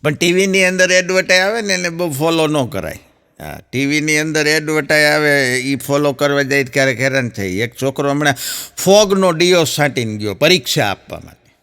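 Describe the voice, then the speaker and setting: A man's voice: a little high, expressive, brisk, sharp tone, clear, resonant tone. A middle-aged man with a Saurashtra Gujarati accent, telling stand-up jokes in a chatty storytelling way and chuckling at his own punchlines. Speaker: stand-up comedian.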